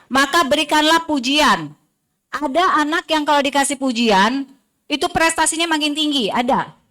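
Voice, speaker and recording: A woman, a psychologist giving a lively parenting seminar and quizzing the audience. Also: sits high, moderate pace. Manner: chatty, asks the audience questions. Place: seminar hall.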